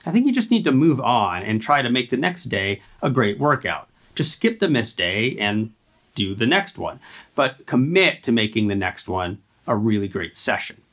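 A man in his thirties, hosting a scripted fitness explainer in an earnest, steady, instructive way, filmed in front of a home climbing wall. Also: medium pitch, moderate pace, highs cut off. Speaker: host.

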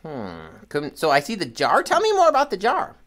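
Giggly, animated kids' show host woman. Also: lowish voice, normal speed. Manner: animated, giggly, sing-song. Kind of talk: playful interactive kids' show.

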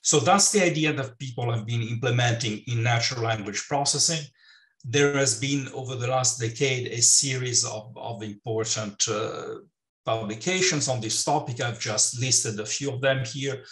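An older man giving a keynote lecture over slides on a video call, talking in halting phrases with many restarts and fillers. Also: medium pitch, fairly bright tone. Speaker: keynote speaker. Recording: roomy, distant mic.

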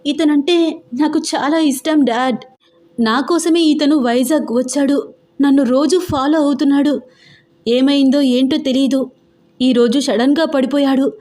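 A frightened young woman, acted by a woman in a storybook audio drama, pleading tearfully with her father. Her fairly high voice stays urgent and anxious. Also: steady tone, a little slow, a little mellow.

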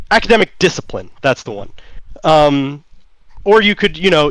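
Speaking in a slightly high, somewhat bright voice, a German-native man explains his tabletop game as an interview guest, full of fillers and false starts. The dry recording has poor audio quality.

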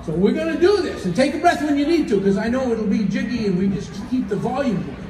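A middle-aged man pitches his voice very high as he works up a crowd outdoors. He is folksy and rambling, full of jokes and countdowns. His voice comes echoing from a distance over the noise of the grandstand. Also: animated, quick pace. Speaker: moose-call leader at a festival. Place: open-air fairground by a packed grandstand. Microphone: stand mic over PA, picked up by distant camera.

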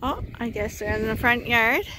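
A woman's voice: fairly high pitch, expressive, moderate pace. A woman sheep farmer from Canada talking casually to the camera and coaxing her animals as she walks around the farm. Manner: chatty, coaxing animals, often laughing. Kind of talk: casual farm vlog narration. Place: outdoors on a snowy farm and in a barn. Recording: noisy outdoor farm recording. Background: sheep bleating and farm ambience.

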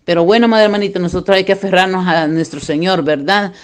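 High-voiced man recounting a dream. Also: fairly even intonation, fast talker. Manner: rambling, repetitive, earnest. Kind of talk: religious testimony.

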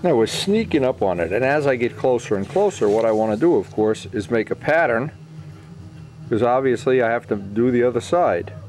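Soft music plays in the background as this middle-aged man demonstrates model airplane building at his indoor workbench. He talks at a moderate pace in a medium, slightly mellow voice with lively intonation, explaining in short phrases as he thinks aloud.

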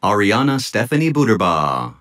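A man announcing graduates' names at an outdoor commencement ceremony, in a measured, deliberate manner. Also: on the low side, big pitch swings, a bit bright. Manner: measured, deliberate name-reading. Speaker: commencement name reader. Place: outdoor tent stage at a graduation.

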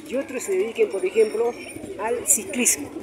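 A woman's voice: fairly high pitch, normal speed, a crowd in the background. A woman reporter, talking conversationally as she reports outdoors from a town square into a camera mic, with tag questions. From Peru. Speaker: street reporter. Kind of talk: on-the-street news report. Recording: noisy street recording.

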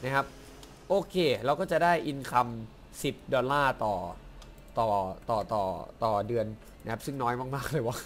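A man's voice: mid-range voice, moderate pace, a bit bright, slight background noise. A young man with a Thai accent giving casual gameplay commentary, chatty and swearing playfully as he talks to himself. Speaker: gameplay YouTuber.

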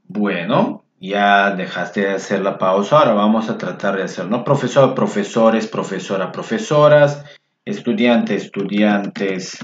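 A man teaching a Spanish grammar lesson to learners in a friendly way. He repeats words slowly and mutters asides to himself while fixing his screen. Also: on the low side. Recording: echoey room, dull lo-fi sound.

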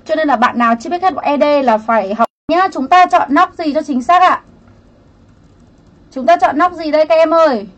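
Woman, English teacher, high voice, chatty livestream lesson, slightly muffled audio. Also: fairly quick. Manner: chatty, greets viewers by name, explains each answer option.

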